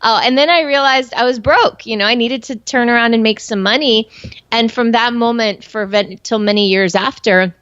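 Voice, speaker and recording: A woman's voice: a little high, normal speed, a bit bright, dry recording. A woman in her forties, born in Colombia and raised in the United States, speaking candidly as an interview guest with frequent fillers. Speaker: guest entrepreneur. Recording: slightly muffled, dry recording.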